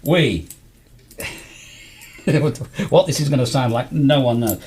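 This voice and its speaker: In a radio studio, a man hosts a casual live show, chatting and explaining in a jovial, encouraging, matey manner. His medium-pitched voice is darkish with a breathy edge, and he speaks slowly into a studio broadcast microphone.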